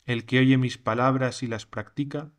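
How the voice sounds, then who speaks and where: A man giving a scripted reading of a sermon in a measured, declamatory way. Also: mid-range voice, steady tone. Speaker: reader of a recorded sermon text.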